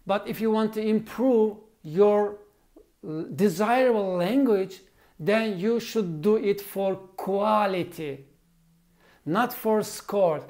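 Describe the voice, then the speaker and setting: A woman in her forties, not a native English speaker, giving casual language-learning advice in an unhurried, hesitant way with frequent fillers and restarts. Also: medium pitch, darkish tone. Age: 40s. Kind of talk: casual advice talk to camera.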